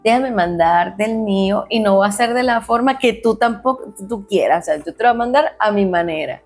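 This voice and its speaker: A woman's voice: mid-range voice, normal speed, soft background music. A woman hosting an interview podcast who offers supportive, reflective remarks about faith. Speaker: podcast host. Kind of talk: conversational interview.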